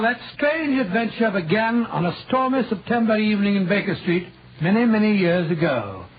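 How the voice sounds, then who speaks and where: An actor playing a genial, easily shocked older British doctor, blustering and avuncular, in 1940s radio style. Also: male voice, high voice. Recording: muffled, hissy old radio recording.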